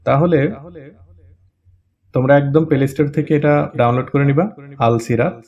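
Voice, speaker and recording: A man's voice: mid-range voice, darkish tone, dull audio. A man casually presenting an app tutorial, chatty, with frequent check-ins and hesitation fillers.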